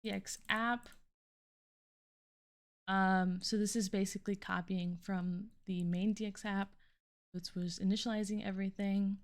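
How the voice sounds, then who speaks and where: A young woman with a medium-pitched voice presents like a student explaining her own technical work. Her delivery is informal and hesitant, halting as she thinks aloud. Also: fairly even intonation. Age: young adult. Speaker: student presenting a programming project. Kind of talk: informal screen-recorded code walkthrough.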